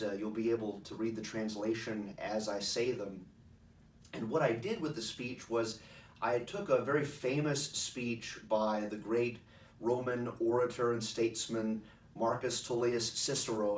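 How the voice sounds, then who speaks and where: Male, middle-aged. Informal explanatory speaker, articulate and halting, mid-range pitch, recorded with echo at some distance. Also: a little hiss or hum. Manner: measured, articulate, halting with pauses. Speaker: speaker introducing a recording of his own past oration. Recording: roomy echo, distant microphone.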